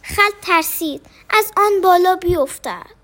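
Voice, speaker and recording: A woman reading a children's story aloud in a playful, expressive way. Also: extremely high pitch, a little hiss or hum.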